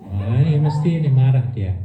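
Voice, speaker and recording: A man's voice: mid-range voice, animated, normal speed, dark tone, slight background noise. A man giving a religious study lecture to a women's group in a mosque hall, playful, asking the audience questions and acting out lines with laughs. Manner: playful, questions the audience and has them answer; laughs often, acts out insults. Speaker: Islamic religious teacher. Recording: echoey, tinny phone-like sound.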